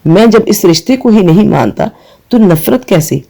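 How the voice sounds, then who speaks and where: A man's voice: high voice, lively intonation, creaky, mellow, heavily acted. A man voicing an angry, brooding young man who speaks bitterly and defiantly.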